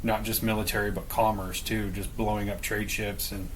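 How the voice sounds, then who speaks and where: A man's voice: on the low side, little pitch movement, normal speed, slight background noise, low-quality recording. A man co-hosting a podcast, casually explaining a story with some swearing and speculation. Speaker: podcast co-host. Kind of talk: casual conversation.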